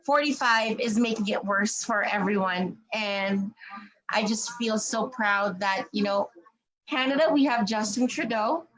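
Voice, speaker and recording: A woman's voice: medium pitch, unhurried, fairly bright tone, low-quality recording. A woman hosting an interview, speaking emphatically and asking loose, rambling questions in casual conversation. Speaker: interview host.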